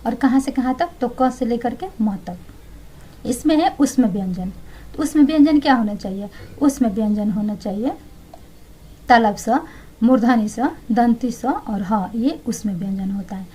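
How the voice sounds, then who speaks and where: Young woman, tutor, mellow warm tone, higher voice, repeats each answer. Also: slightly rough, rough recording. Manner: explains, then repeats each answer with "thik hai". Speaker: teacher. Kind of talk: exam answer walkthrough.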